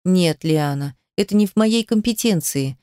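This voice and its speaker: A woman voicing a middle-aged female ballet company director who speaks in a measured, quietly pressing way. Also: fairly low pitch, animated, clear, resonant tone, dry recording, clean studio sound, close to an everyday voice. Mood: persuasive.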